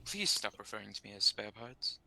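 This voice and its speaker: Very bright, sharp-voiced man role-playing. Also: on the low side, big pitch swings, brisk, gravelly, low-quality recording. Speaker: tabletop game player. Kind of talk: casual, joking role-play.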